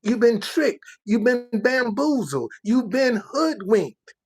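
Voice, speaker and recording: A man's voice: extremely high pitch, big pitch swings, slow, a little mellow, breathy edge. A man from the United States, ranting casually on a livestream in an emphatic, preachy way, repeating phrases for effect. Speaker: livestream commentator.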